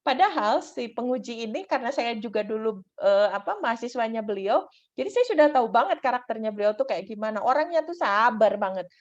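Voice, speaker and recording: A woman's voice: fairly high pitch, lively intonation, a little fast. A woman, a university lecturer giving a casual teaching talk in a chatty way, often adding "gitu ya" and English terms. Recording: dull lo-fi recording.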